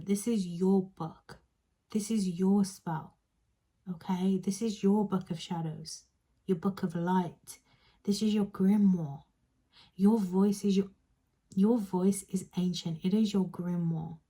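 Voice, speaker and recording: A woman giving a pick-a-card tarot reading, talking softly and slipping into a whisper, often checking in with "okay?". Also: medium pitch, slightly rough. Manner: soft, partly whispered, intimate address to the viewer; repeats phrases and checks in with "okay?". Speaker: tarot reader.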